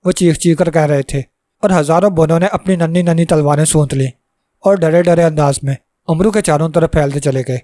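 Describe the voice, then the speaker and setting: A male storyteller reading a fantasy tale in a steady, dramatic way. His voice is fairly high, and the recording is dry and close, with no room echo. The pace stays even throughout the reading. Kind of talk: storybook narration.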